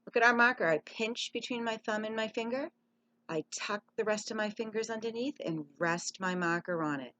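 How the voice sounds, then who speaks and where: A woman teaching young children to read sentences and write letters, speaking clearly and encouragingly, drawing out her words. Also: medium pitch, moderate pace, fairly bright tone. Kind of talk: early reading and handwriting lesson for young children.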